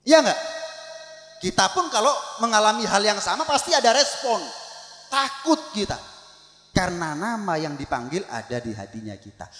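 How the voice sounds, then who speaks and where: A man preaching a religious sermon, telling stories with animated voices for the people in them. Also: mid-range voice. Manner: animated storytelling, acts out shouted calls. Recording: echoey hall with long reverb.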